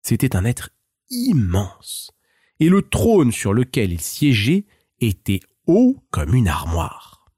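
Male fairy-tale narrator, unhurried with lively pitch, dry close sound. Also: husky, dry recording. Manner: measured, expressive. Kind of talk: storybook narration.

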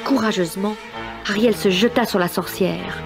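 A woman's voice: mid-range voice, moderate pace, gravelly. A woman narrating a children's story in a scripted, dramatic style. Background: music.

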